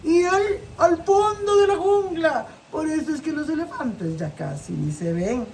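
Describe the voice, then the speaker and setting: High lively costa rican lady telling folk tales, playful, mic kinda far, lil hiss. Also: a little slow. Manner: animated, playful. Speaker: storyteller. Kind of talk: oral folk-tale telling. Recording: distant mic with faint noise.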